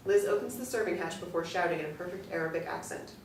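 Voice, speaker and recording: Woman reading screenplay directions, kinda low voice, really echoey, mic far off. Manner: measured, matter-of-fact. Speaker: narrator. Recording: roomy, distant from the mic, faint noise.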